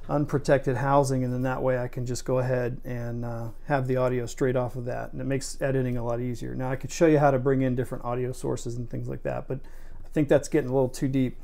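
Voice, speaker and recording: Man, casual screen tutorial, flat delivery, mellow tone, talks through each step. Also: medium pitch, fast talker, vocal fry. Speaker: video tutorial maker.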